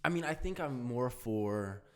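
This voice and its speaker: A man's voice: medium pitch, lively intonation, a little slow. A young man co-hosting a podcast in casual chat, rambling with lots of fillers like "dude" and "you know what I mean". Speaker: podcast co-host.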